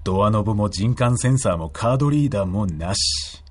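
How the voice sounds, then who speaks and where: A man's voice: fairly low pitch, expressive, fairly quick, husky. A man playing a serious but easily exasperated special agent in a comedic audio drama, with terse military speech. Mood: serious, wary. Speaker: radio DJ playing a character.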